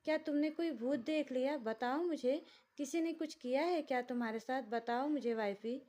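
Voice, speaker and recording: A woman's voice: high-pitched, normal speed, warm tone, voice pushed up, lightly acted. Woman voicing a childlike, innocent young husband for a storybook: raised, whiny voice, easily frightened. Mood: anxious.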